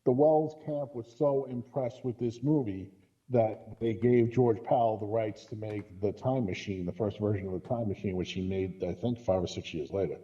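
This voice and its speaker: Captured on a dull lo-fi recording, a man with a lowish, dark-toned voice discusses films casually as a podcast guest. He moves at a moderate pace and shares strong opinions.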